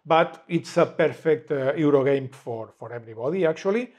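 Man, hesitant and halting. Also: on the high side, expressive, darkish tone, muffled recording. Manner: hesitant, many fillers and restarts. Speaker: game publisher guest. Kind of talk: casual interview. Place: cozy room with bookshelves, indoors.

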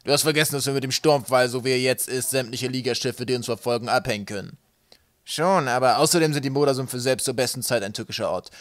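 A man's voice: mid-range voice, fast talker, no echo, lightly acted. A man voicing a talkative older male sky pirate, eager and rambling.

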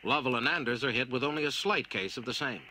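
A man's voice: medium pitch, fast talker, a crowd in the background. A man reading scripted, dramatic documentary narration. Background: music.

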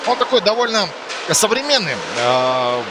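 A man giving live ice hockey commentary in a conversational way, pausing to find words. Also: high voice, sing-song, heavy background noise.

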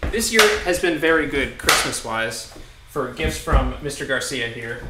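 A young man in his twenties hosting a casual livestream from a home kitchen, relaxed and laughing as he reads viewer messages, heard from a far camera. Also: medium pitch, unhurried. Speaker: host. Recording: echoey kitchen from a distance, loud noise.

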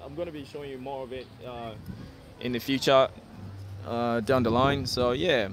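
This Ghana-born young man speaks in a mid-range voice at a moderate pace while live-streaming outdoors on a sunny city street, with a crowd audible behind him. He's relaxed and repetitive, reading viewer comments aloud and peppering his talk with "okay" and "yeah." The phone, held at arm's length, also picks up street and traffic noise.

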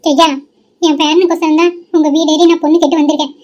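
A woman's voice: high-pitched, level tone, fast talker, a little mellow. A woman voicing a polite elderly grandmother who asks for a bride for her grandson. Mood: pleading. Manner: polite, pleading. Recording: dull lo-fi sound.

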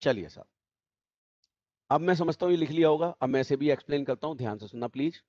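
A man's voice: on the high side, fast, darkish tone, dry recording, lo-fi sound. A male teacher giving an online tax class, explaining step by step and repeating the key points. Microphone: video call.

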